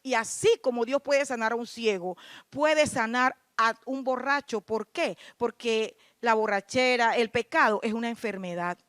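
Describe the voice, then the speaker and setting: A woman with a high, bright-pitched voice preaches a fervent sermon as a church deaconess. She drives her points home by asking questions and answering them. The sound is close and dry, with no room echo. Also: normal speed. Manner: fervent, rising to emphatic declarations; asks and answers rhetorical questions.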